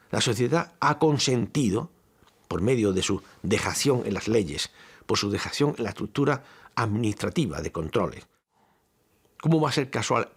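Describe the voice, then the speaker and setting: A man's voice: lowish voice, slightly rough. A man in a documentary interview speaking in a firm, argumentative way.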